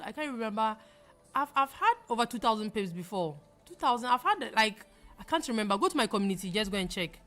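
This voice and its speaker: A young woman with a Ghanaian accent, originally from Ghana, runs a live trading stream and fields viewer questions. Her voice is fairly high and fairly bright, and her manner is chatty and emphatic, full of repeated phrases and easy laughter.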